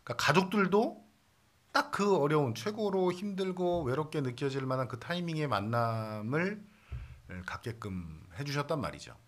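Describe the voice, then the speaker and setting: A man's voice: fairly high pitch, animated, moderate pace. A man preaching a Sunday sermon as pastor, conversational and playful, with many fillers. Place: church sanctuary.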